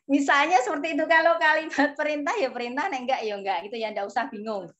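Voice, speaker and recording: A woman teacher with a Javanese accent, patiently coaxing students through an exam-prep class and tagging her sentences with a soft "nggih". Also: sits high, fast talker, muffled recording.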